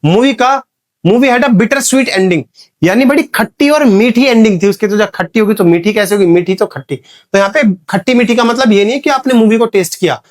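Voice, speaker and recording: A man teaching English grammar in an exam-prep lesson. He asks the students questions and answers them himself, and he reads the examples slowly while sounding out the letters. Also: high-pitched, animated. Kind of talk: exam-prep classroom lecture.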